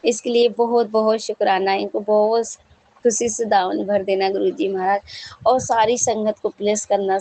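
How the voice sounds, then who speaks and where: A woman's voice: mid-range voice, warm tone, rough recording. A woman giving a devotional testimony to a congregation, talking in a chatty, repetitive and fervent way. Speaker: devotee sharing a satsang experience.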